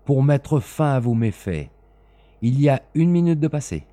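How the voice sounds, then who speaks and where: A man's voice: medium pitch, sing-song, normal speed, dark tone, voice pushed up, close to an everyday voice. A man voicing a stern, implacable man who gives curt, menacing orders in a storybook reading.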